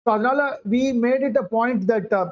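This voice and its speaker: Older male guest speaker, Tamil Indian accent, high voice, very rapid delivery with hesitant repeats. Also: dull audio. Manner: hesitant, repetitive phrasing. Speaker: guest speaker, IT security consultant. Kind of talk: informal talk mixing Tamil and English.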